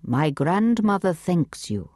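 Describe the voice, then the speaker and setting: Narrator doing refined young gentleman, upper-class English accent, formal and polite, slow, dry close audiobook sound. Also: fairly low pitch, sing-song, dry recording, exaggerated voice. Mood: courteous. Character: elegant young Chinese man, Oxford-educated, courteous.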